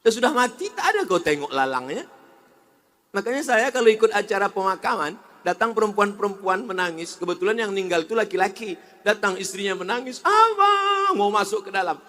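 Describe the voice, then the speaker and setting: A man, swinging between loud exhortation and soft joking asides. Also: high voice, lively intonation, a little fast. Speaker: preacher. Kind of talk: sermon. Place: mosque. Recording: echoey hall reverb.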